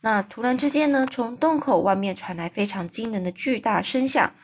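A woman reading a children's book aloud as a storyteller, pausing to explain hard words for young listeners. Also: fairly high pitch, husky.

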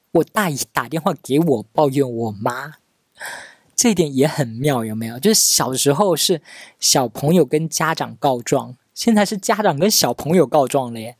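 A man's voice: medium pitch, animated, normal speed, breathy edge, dry recording, studio quality. A man in his thirties hosting a podcast, telling a family story in a chatty, casual monologue. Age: 30s. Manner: chatty, acts out relatives' quoted lines. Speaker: podcast host.

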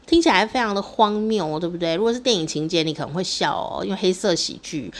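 A middle-aged woman with a Taiwanese Mandarin accent tells a story in a casual monologue. She speaks expressively and often tags her phrases with a drawn-out "oh.". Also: on the low side, expressive. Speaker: vlogger.

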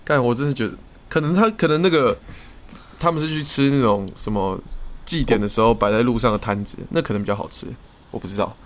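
Very fast-talking young Taiwanese man. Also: mid-range voice. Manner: rapid, swearing, animated storytelling. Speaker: podcast co-host. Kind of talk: casual chat.

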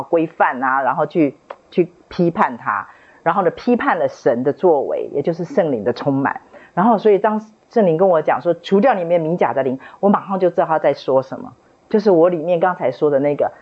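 A woman's voice: fairly low pitch, husky. A middle-aged woman sharing a personal faith testimony at a book club, retelling it dramatically with many fillers. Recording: dull lo-fi recording.

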